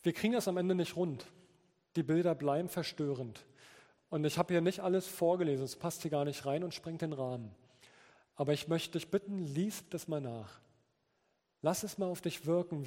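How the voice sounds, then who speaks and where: A man's voice: fairly high pitch, mellow. A man preaching an earnest sermon, reading scripture passages aloud. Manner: earnest, with quoted scripture read out. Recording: long reverb of a large hall.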